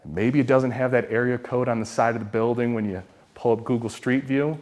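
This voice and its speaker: A man speaks at a middle pitch in a casual, energetic way. He addresses a room of listeners and slips into quick acted-out phone calls. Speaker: self-storage investing speaker. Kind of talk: conference talk.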